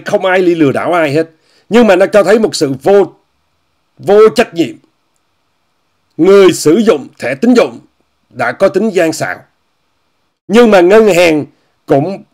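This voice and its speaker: Man, higher-pitched voice, casual commentary monologue, repetitive, mocking. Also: a little mellow. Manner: repetitive, often repeats phrases and says "quý vị" often; scornful, mocking tone. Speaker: commentator hosting an online talk show.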